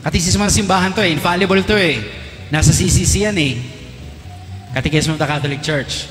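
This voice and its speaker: Teasing Filipino priest in an echoey church. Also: male voice, a little high, a bit bright. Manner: teasing, quizzes the crowd with rapid questions. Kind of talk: lively homily to a congregation. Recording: echoey church with long reverb, faint music.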